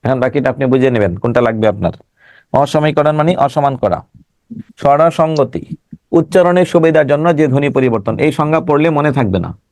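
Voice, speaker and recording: A man's voice: mid-range voice, brisk, a little mellow, no echo. A male teacher giving an online exam-prep class, emphatic, repeating words and sounding them out syllable by syllable.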